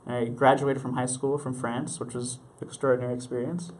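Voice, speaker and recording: A young man from Mexico talks about his career in a relaxed interview. He sounds eager and earnest and laughs easily. His pitch sits in a middle range for a man. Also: fairly quick. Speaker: Broadway actor, interview guest. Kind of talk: casual interview chat.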